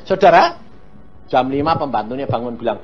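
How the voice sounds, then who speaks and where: A middle-aged man, preaching a sermon as a lively story, acting out voices and laughing often. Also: mid-range voice, a little fast, lo-fi sound, soft background music. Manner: animated, acts out voices, laughs often, addresses congregation. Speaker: evangelist preacher.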